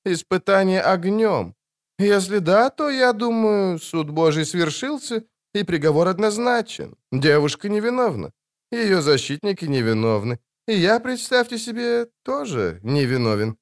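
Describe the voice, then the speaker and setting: A man voicing a calm, ironic male barber who talks politely and without hurry. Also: high-pitched, pitched above the performer's own voice, heavily acted. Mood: cool irony. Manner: cool, polite and unhurried.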